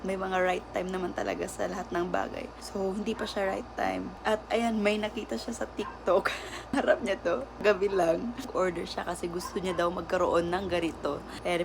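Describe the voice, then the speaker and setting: A woman vlogger speaking slowly and heartfelt to her viewers, thanking them. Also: fairly low pitch, creaky. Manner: slow and heartfelt, grateful. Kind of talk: casual vlog talk. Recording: noisy home recording.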